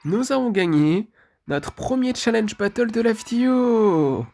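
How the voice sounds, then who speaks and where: A man's voice: high-pitched, lively intonation, a little slow, a little mellow. A man giving casual commentary over his mobile game match, chatty and leaning on filler phrases. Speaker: mobile game channel host.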